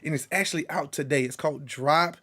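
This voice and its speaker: A man hosting a casual virtual reality show, chatting fast and loose with plenty of slang. His voice sits a little higher than most men's, and he gets animated when a story takes off. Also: husky. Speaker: podcast co-host.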